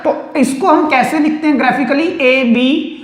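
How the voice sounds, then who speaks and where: Male maths teacher lecturing at a board, asking and answering his own questions, in a roomy space. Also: very high voice. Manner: keeps checking understanding with quick questions; asks students' questions and answers them himself. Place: room with a board.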